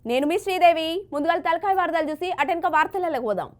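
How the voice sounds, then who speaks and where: A woman's voice: extremely high pitch, lively intonation, fast talker. A woman with a Telangana Telugu accent hosting a comic news show, reading rhyming headlines in a sing-song way.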